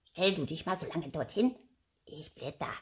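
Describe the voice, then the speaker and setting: A woman's voice: low-pitched, lively intonation, normal speed. A woman voicing an eager, fidgety child puppet that pleads and chatters during a storybook reading. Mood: pleading.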